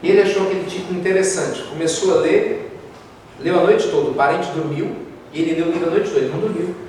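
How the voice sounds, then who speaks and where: Man, Brazilian Portuguese accent, spiritist lecturer, lively storytelling, long hall reverb, distant mic. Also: high voice, fast. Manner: lively storyteller, acts out quoted voices. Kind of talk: spiritist talk with told stories. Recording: echoey hall, distant mic, faint noise.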